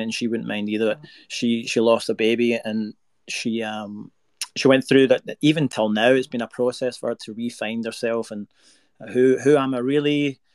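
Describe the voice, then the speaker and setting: Calling in from a home recording setup in Nashville, a man from Scotland who writes and sings his own songs chats as a guest over video. His Scottish-accented, mid-range voice sounds earnest and thoughtful as he rambles, using plenty of fillers in the relaxed interview. The audio has no room sound.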